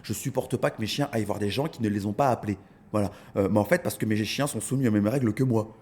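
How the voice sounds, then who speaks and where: Husky, animated French man telling stories. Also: fairly low pitch, fast. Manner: animated storyteller, acts out scenes, repeats words when starting. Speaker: dog content creator, guest. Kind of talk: casual conversational interview.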